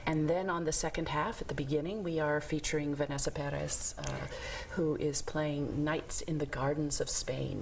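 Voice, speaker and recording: A woman's voice: low voice, a little hiss or hum. A woman orchestra conductor giving an enthusiastic studio interview, with many fillers. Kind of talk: interview guest.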